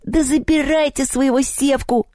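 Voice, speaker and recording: A woman's voice: sits high, steady tone, unhurried, warm tone, no echo, studio quality, voice pushed up. A woman voicing a whiny, mischievous little male house spirit in a storybook reading. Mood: panicked. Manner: wailing, whining, sulky.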